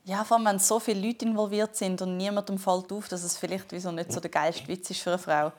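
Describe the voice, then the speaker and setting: A woman who talks very fast while she tells a story on a casual podcast. Her delivery is animated and lively. She is heard over a phone call. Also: medium pitch. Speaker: podcast co-host, comedian.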